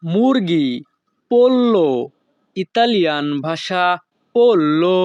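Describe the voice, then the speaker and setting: A man teaching vocabulary in a slow, repetitive drill, saying each word and then its meaning. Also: high voice, lively intonation, a little mellow, dry recording, muffled recording. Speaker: language teacher.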